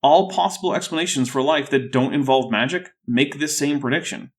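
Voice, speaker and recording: A man's voice: a little high, brisk. A man with a thick, sore-throated voice hosting a scripted rebuttal video in a dry, skeptical way. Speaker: YouTube host.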